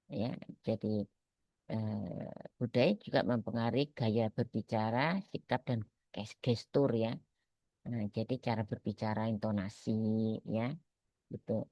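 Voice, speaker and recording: A woman's voice: rumbling low, no room sound. Woman lecturing on a dull lo-fi recording. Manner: conversational, checks in with listeners often, hesitant pauses. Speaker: trainer. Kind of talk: spoken training lecture.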